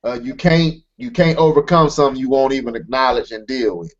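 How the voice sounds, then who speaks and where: A man's voice: mid-range voice, brisk, muffled recording. A man co-hosting a podcast, talking earnestly and emphatically in casual chat, circling back with restarts. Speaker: podcast co-host.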